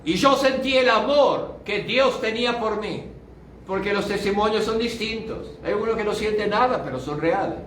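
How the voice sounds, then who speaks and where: High-voiced older pastor preaching fervently. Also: male voice, animated, moderate pace, fairly bright tone, a little hiss or hum. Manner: fervent testimony with English asides. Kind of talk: sermon. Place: church. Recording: roomy church sound, distant mic, faint music.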